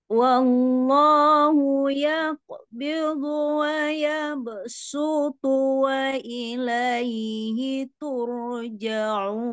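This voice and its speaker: A woman reciting Quran verses in a slow melodic chant. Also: high-pitched, smooth, dry recording, lo-fi sound.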